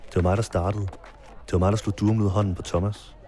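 A man narrating his own documentary in the first person, calm and measured. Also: lowish voice. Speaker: filmmaker narrator. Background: marimba music.

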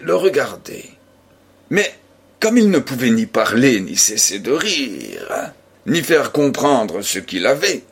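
A man narrates a classic short story at a slow, measured pace. His voice is husky and a little breathy, sitting at an ordinary mid pitch, and he lets each phrase settle before moving on. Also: a bit bright. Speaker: audiobook reader.

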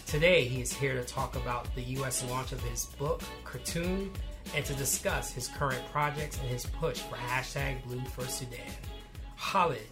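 Podcast host, male, measured and formal, music bed underneath. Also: mid-range voice. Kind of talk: podcast interview.

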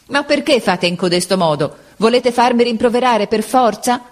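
A storybook reader voicing a small, beardless young male substitute teacher who pleads with an unruly class and then shouts in desperation. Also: mid-range voice, moderate pace, voice pushed up, lightly acted. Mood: pleading.

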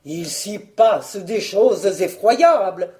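A woman reading a storybook voices a timid, evasive baron, lowering her voice and speaking hesitantly. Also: lively intonation, a little slow, dark tone, reverberant, natural voice. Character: timid, evasive middle-aged baron collector.

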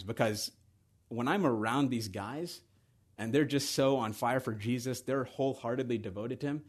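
A man preaching a sermon in a conversational way that builds to excited emphasis. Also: mid-range voice.

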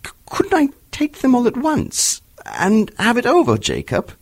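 A man's voice: on the high side, very animated, normal speed, gravelly, a little mellow, breathy edge, dry recording, pitched above the performer's own voice, exaggerated voice. A man voicing a frightened old miser who stammers and pleads. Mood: fearful. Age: older.

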